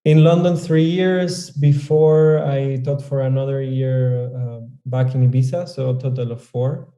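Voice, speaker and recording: A man from Argentina, a Spanish speaker, talking as a yoga teacher guest in a relaxed, thoughtful way. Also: mid-range voice, unhurried. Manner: relaxed, thoughtful, with fillers and some restarts. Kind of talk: casual interview. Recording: echoey room.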